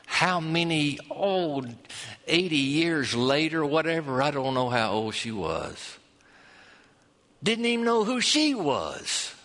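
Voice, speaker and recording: A man who is a pastor, preaching a sermon and telling a story, with hushed low passages and rising high peaks. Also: in a large hall.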